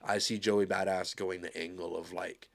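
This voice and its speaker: A man with a somewhat low voice talks in a loose, rambling way, full of fillers and quick restarts. He sounds upbeat and casual, like a host reacting live to a track. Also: level tone, vocal fry, a bit bright. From Arizona.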